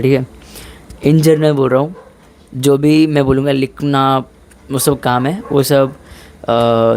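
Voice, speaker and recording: This fitness vlogger is a young man with a mellow, medium-pitched voice, heard over slight background noise. He gives blunt, laid-back tips on working out and studying, mixing in English and addressing everyone as "bhai."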